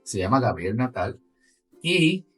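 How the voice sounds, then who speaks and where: A very husky, raspy man with a Puerto Rican Spanish accent explains things in an animated, conversational interview. He sits back from the microphone, with faint music behind him. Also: mid-range voice, slow, recorded from a distance. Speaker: orchestra musician and guest.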